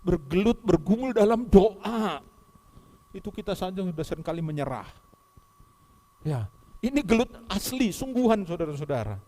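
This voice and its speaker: High-voiced man preaching a sermon. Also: big pitch swings, moderate pace, pauses often. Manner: emphatic, swings between soft asides and loud exhortation. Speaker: pastor.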